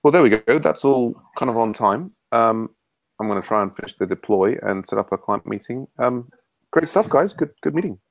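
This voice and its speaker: A man's voice: medium pitch, expressive, normal speed, creaky, no echo, poor audio. A man hosting a casual online meeting, talking with many fillers and restarts over a video call. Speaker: meeting host.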